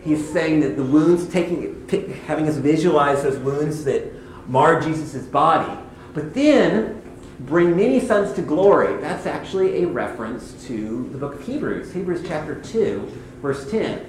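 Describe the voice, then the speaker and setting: Man, Bible teacher, devotional hymn teaching, conversational, slightly high voice, echoey room. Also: lively intonation. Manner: conversational, reads scripture slowly. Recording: echoey room, faint background noise.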